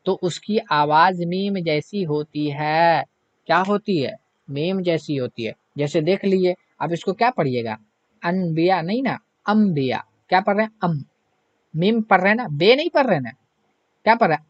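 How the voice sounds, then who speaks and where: Male grammar teacher, high voice, repetitive self-answering questions, dull dry recording. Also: dry recording. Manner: asks the class questions and answers them himself; repetitive, keeps adding "hai na". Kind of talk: online grammar lesson.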